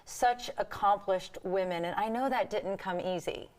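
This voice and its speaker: A woman's voice: mid-range voice, moderate pace. A woman hosting a health and wellness TV show, interviewing guests in a studio with an effusive, praising manner. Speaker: TV show host.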